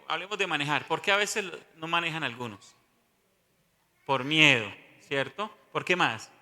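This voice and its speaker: A man's voice: fairly high pitch, bright, forceful tone, in a large hall. A male pastor, teaching a sermon and often asking the congregation questions.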